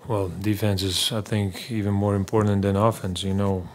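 In a small press room, a man in his 30s gives postgame press conference answers in a low monotone. His speech is halting and packed with fillers, picked up by a table mic in front of him.

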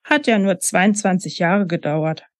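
A woman's voice: lowish voice, a little slow, no echo, studio quality, natural voice. A woman voicing a hurt, bitter young daughter. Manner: bitter, accusing. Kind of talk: author reading her novel.

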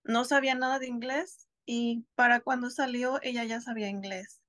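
This thoughtful, hesitant woman, a homeschooling mother from Mexico in her thirties, keeps restarting her words during a casual video-call interview from her home couch. Her voice is a little high, steady, and a bit bright at a moderate pace, with clean studio sound and no room noise.

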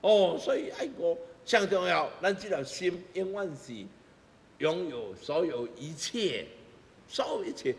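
A man's voice: fairly high pitch, lively intonation, unhurried. Emphatic Taiwanese man preaching in an echoing hall. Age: middle-aged. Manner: emphatic, rhetorical questions and repeated phrases. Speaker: Buddhist master giving teachings. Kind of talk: sermon. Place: temple hall before a seated congregation. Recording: echoey hall, music bed underneath.

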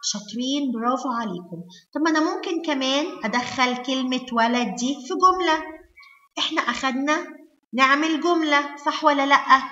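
Bright high-voiced kindergarten teacher. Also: female voice, lo-fi sound. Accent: Egyptian Arabic. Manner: slow, drawn-out sounding of letters, praising and coaxing. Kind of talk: online phonics lesson for young children.

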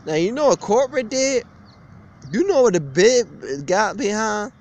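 A young adult gym vlogger rants to camera, animated and high-pitched yet unhurried, in a blunt, repetitive, aggrieved way. He's outdoors beside a brick building on a street, recorded on a phone or webcam held at arm's length.

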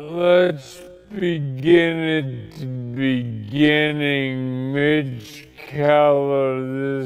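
A middle-aged man leads post-game sports analysis from a TV studio desk. His gravelly voice drags along in slowed-down playback, and faint music sits behind him. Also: mid-range voice. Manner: steers the show, hands questions to the analysts. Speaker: studio host.

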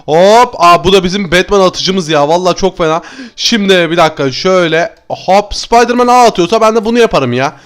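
Fast, excitable gaming YouTuber man. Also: sits high, clean tone. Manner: excitable, chatty, talks to viewers as friends. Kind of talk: Minecraft gameplay commentary.

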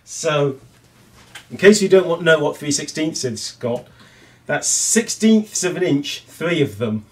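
Guy in his 50s, polite chatty vlog talk, bit high-ish voice. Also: lively intonation, measured pace. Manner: polite, chatty, thinks aloud while working. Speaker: video channel host. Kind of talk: casual hands-on vlog chat. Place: indoor home rooms.

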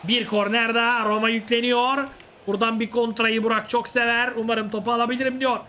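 Bright, high-voiced man commentating football gaming. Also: level tone, moderate pace. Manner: slangy, chatty, names players in clipped phrases. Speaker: gaming video host. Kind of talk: casual play-by-play commentary on a football video game.

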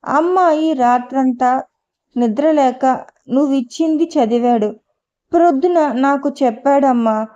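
A woman voicing a kind older mother who soothes and welcomes, her voice high yet mellow and unhurried. She speaks gently and tenderly, like a mother blessing a new daughter-in-law. The audiobook sound is muffled and lo-fi. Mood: warm, tender. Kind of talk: audiobook character dialogue.

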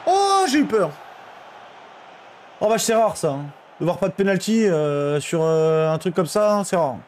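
Young male streamer, high-pitched, excitable game commentary with outbursts, faint background noise. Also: measured pace. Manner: excitable, swings from shouting to muttering.

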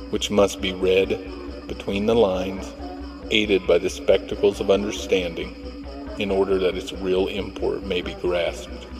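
Man, reverend, very low voice, measured formal reading, long hall echo. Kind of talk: reading a doctrinal text aloud.

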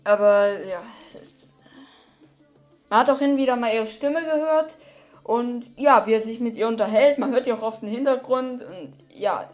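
A woman's voice: a little high, moderate pace, a little mellow, soft background music. Rambling, giggly woman reacting. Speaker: reaction video host. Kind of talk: casual reaction commentary.

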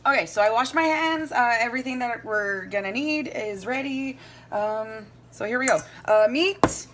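A woman's voice: a little high, a bit bright, slight background noise. Rambling woman in a kitchen video. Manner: chatty, rambling, self-correcting as she goes. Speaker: home cooking vlogger. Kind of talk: casual unscripted cooking demo. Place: home kitchen, indoors. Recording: clear kitchen clatter of dishes and pans.

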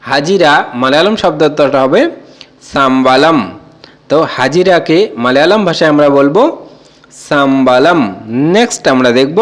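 A Bangladeshi man with a somewhat high voice gives a word-by-word vocabulary lesson. He speaks patiently, repeating each word slowly so learners can follow. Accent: Bangladeshi Bengali. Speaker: language teacher.

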